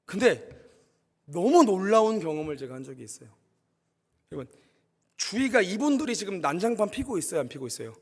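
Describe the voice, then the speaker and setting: A man preaching a sermon in a church, telling a personal story in an animated way and speaking straight to the congregation. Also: high-pitched, fast, slightly rough, in a large hall. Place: church sanctuary.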